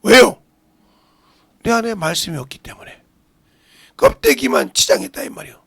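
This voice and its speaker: A male pastor preaching a sermon, swinging from shouted lines to hushed whispers. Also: high-pitched, very animated, a little fast, creaky, slightly rough, no room sound.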